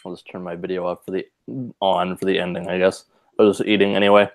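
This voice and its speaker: A man on a casual video call, dropping dry, teasing remarks. His voice sits somewhat low. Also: little pitch movement, quick pace.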